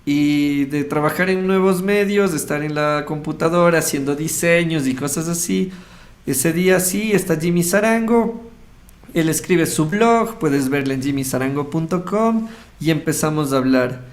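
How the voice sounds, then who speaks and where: Speaking at normal speed in a voice on the high side, a man with an Ecuadorian Spanish accent casually relates a personal story. He's a radio host appearing as an interview guest, dramatizing bits of conversation as he goes.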